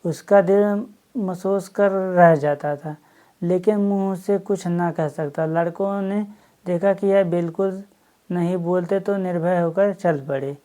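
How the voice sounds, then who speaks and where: A woman's voice: on the low side, fairly even intonation, takes it slowly, mellow. A woman reading a story aloud and explaining it as she goes, adding asides for her listeners.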